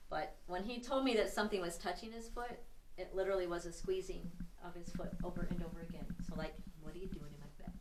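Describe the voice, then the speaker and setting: A woman's voice: lowish voice, background noise. A middle-aged woman telling stories to a tour group while guiding them around an old building she owns. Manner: chatty, laughs at herself. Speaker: tour guide and building owner. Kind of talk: casual storytelling to a tour group. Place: large old empty building indoors. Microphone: no mic, heard from a distance. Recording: echoey room from far off.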